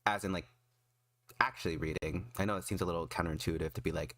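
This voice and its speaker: A man chatting casually on a livestream in an excitable, emphatic, self-deprecating way. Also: deep voice, fast, no room sound, clean studio sound. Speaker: streamer and artist.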